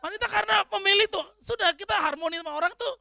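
Animated high-voiced man with speech. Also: very fast, vocal fry, no echo, clean studio sound. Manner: animated, joking, acts out quoted people. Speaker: speaker addressing a congregation. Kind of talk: humorous sermon-style talk.

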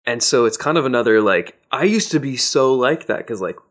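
A man's voice: mid-range voice, animated, a little fast, a bit bright. A man co-hosting a podcast in casual chat, with lots of swearing and filler words like dude. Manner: swears a lot, says dude and like. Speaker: podcast co-host.

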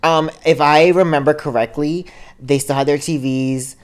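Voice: medium pitch, steady tone, normal speed. A young adult co-hosting a podcast in casual chat, rambling with lots of "like" and "um". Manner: rambling, heavy on "like" and "um". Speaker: podcast co-host. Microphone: podcast studio mic.

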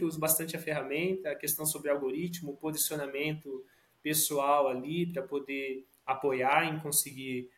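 A Brazilian man speaking as a podcast guest in a casual, reflective conversational way. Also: a little high. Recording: roomy echo.

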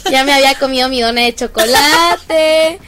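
A woman's voice: high-pitched, normal speed, noisy background. A woman teacher with a Mexican accent telling a funny story about herself in a chatty way. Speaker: primary school teacher. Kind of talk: casual storytelling.

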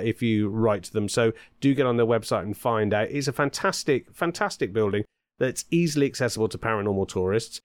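A British man who is an author hosts a casual podcast chat, speaking in a mid-range voice with no echo. He rambles in a chatty way and drops in some fillers.

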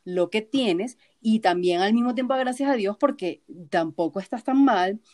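A woman's voice: medium pitch, normal speed, darkish tone. Venezuelan-accented woman, blunt co-host in casual chat. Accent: Venezuelan Spanish. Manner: frank, blunt, swears casually.

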